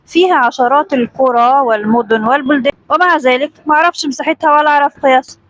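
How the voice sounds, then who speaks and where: A woman's voice: sits high, fast, fairly bright tone. Woman doing a curious sultan, egyptian accent, commanding but eager. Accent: Egyptian Arabic. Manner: stately, eager questions.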